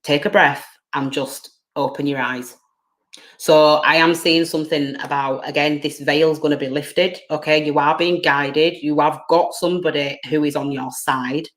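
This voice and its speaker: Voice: mid-range voice, steady tone, normal speed, fairly bright tone. A tarot reader giving a live-streamed reading, rambling, hunting for words and repeating themselves while giving earnest, direct advice to viewers.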